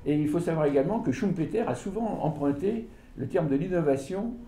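This is an author, an older man, delivering an informal book-talk lecture to an indoor audience. His voice is dark and mellow yet a little high, and he speaks with animation, stopping and restarting often amid frequent fillers. The recording comes from a far-off camera with no mic in sight, in a roomy hall described as a small room with listeners, giving an echoey sound.

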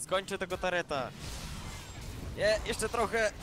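A man playing as a teammate, making quiet, mumbled calls in casual gameplay chat. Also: sits high, expressive, measured pace, music in the background. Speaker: gaming teammate.

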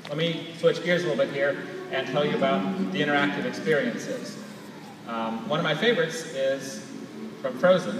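Echoey, distant male stage presenter. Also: on the high side. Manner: conversational, explanatory. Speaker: presenter demonstrating an app. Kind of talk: live stage product demonstration. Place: large auditorium stage, recorded from far in audience. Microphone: distant camera picking up PA sound. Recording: echoey large hall, distant, noisy audience recording.

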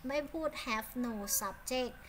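Bright-voiced Thai teacher speaking English. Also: female voice, fairly high pitch, a little hiss or hum. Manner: warm praising, switches between Thai and English, slow deliberate English. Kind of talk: online English lesson with children.

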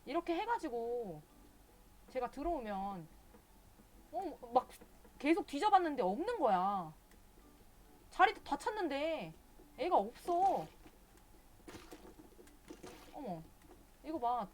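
A woman with a fairly high voice streams a game live, chatting away and swearing at the characters in exasperation. A faint hiss of noise sits under her voice. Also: very animated, slow, long pauses. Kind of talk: casual live game commentary.

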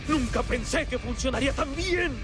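A man's voice: very high-pitched, moderate pace. A man with a Latin American Spanish accent playing a power-mad, gloating scientist villain in an anime dub, theatrical and shrieking. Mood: gloating triumph. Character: manic scheming scientist, brother of a giant, power-mad. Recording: music behind the voice.

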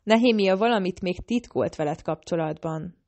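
A woman's voice: fairly low pitch, a little mellow. A woman reading as a scheming male assassin. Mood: probing.

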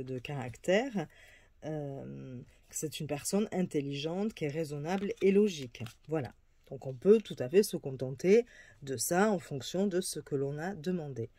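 A woman's voice: sits low, warm tone, dry recording. A woman casually presenting an oracle card reading, hesitant, with many fillers and restarts. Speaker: tarot and oracle card reader.

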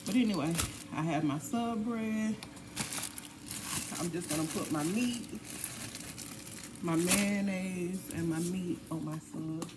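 A woman's voice: lowish voice, slow, pauses often. Tired woman chatting in a noisy kitchen. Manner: chatty, talks while cooking and cleaning. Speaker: family vlogger. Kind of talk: casual chat. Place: home kitchen.

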